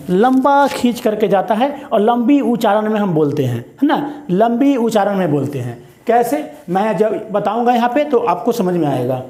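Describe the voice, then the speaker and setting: A man teaching English pronunciation in a spoken lesson, with an Indian accent, who stretches words out slowly and keeps asking "what is it?". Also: high-pitched, dark tone, roomy sound. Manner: repeats words slowly and drawn out, asks "what is it?".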